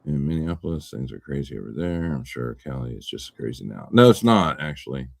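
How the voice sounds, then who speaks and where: Deep-voiced man rambling in casual talk. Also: expressive, a little fast, gravelly, darkish tone. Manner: rambling, repeats words, swears when riled. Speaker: podcast host. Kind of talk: casual political chat.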